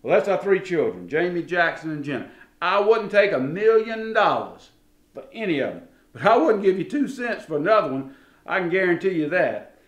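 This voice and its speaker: A man's voice: high voice, sing-song, moderate pace. A middle-aged man with a Southern US accent telling funny family stories in a folksy, drawling way, talking straight to his listeners. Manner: folksy, drawling, addresses the audience directly. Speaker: storyteller. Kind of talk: folksy comedic storytelling. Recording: roomy echo.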